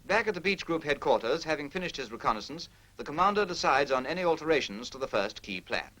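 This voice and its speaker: Pitched on the high side, a British man narrates at a quick pace, expressive and pushed, with a bright sound. The script is formal, delivered like a 1940s military training film: impersonal, precise and instructional.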